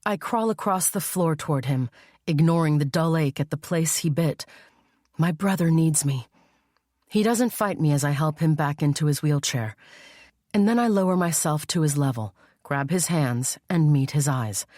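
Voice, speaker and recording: Low-voiced woman narrating a thriller. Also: expressive, normal speed, darkish tone, no room sound, clean studio sound. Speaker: audiobook narrator. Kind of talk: first-person thriller narration.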